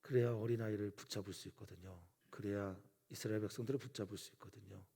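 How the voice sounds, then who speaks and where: A man, a pastor, preaching an earnest dawn service sermon, often dropping to a soft whisper for emphasis. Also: lowish voice, fairly even intonation, quick pace, vocal fry, breathy edge.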